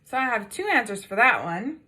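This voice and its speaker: Teaching a kindergarten phonics lesson, this woman uses a fairly high, pushed, bright voice with big swings in pitch. She speaks slowly in a sing-song way and keeps patiently asking the children questions to guide them.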